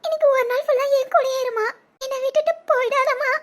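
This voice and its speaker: A woman's voice: very high-pitched, steady tone, normal speed, fairly bright tone. A woman voicing a tearful young daughter in a cartoon, sobbing and pleading in a childlike way. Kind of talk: cartoon voice acting.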